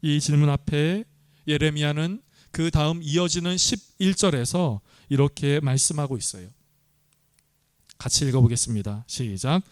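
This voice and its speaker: A man's voice: fairly high pitch, moderate pace, darkish tone, no room sound, studio quality. A man pastor preaching a sermon earnestly, often asking the congregation questions.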